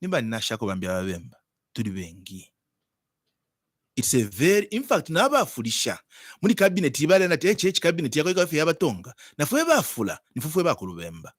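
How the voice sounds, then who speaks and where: A man's voice: on the high side, huge pitch swings, fast talker, slightly rough, dry recording, clean studio sound. A man with a Zambian accent speaking as a politician in an interview, arguing emphatically and repeating words and phrases.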